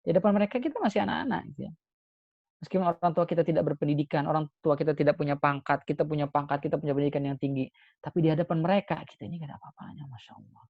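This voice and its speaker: A male Islamic preacher giving a sermon, expressive, moving between emphatic points and soft, hushed asides. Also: a little high, racing, dry recording, lo-fi sound. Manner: expressive, swings between emphatic and soft hushed delivery, frequent pious exclamations.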